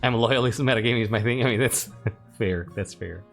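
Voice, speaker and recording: A man's voice: medium pitch, brisk, gravelly, a bit bright, faint music behind. A man playing a game, casually commenting and reading game text aloud, often repeating his phrases. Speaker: game player and host commenting while playing.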